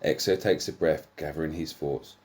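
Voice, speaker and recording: A man with a low, deep voice reads a comic erotic story aloud. His delivery is deadpan, and he sometimes trips over a line and swears before carrying on. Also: normal speed. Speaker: narrator.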